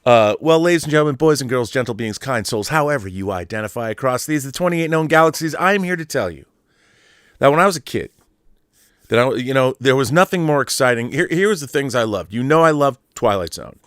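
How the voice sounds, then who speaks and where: Recorded with clean studio sound and no room tone, this middle-aged man from Mercer Island, Washington, hosts a podcast as a casual monologue that wanders through asides and restarts. He speaks a little fast in an expressive, medium-pitched voice that's fairly bright and clean.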